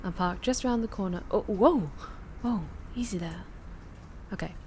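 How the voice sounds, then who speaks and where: Taking on the role of a fierce vampire biker with a Southern US accent, this woman flirts, teases, and guards the listener in an intimate ASMR roleplay, her mood concerned and protective. She speaks at medium pitch and moderate pace, a little mellow and close to everyday, with slight background noise.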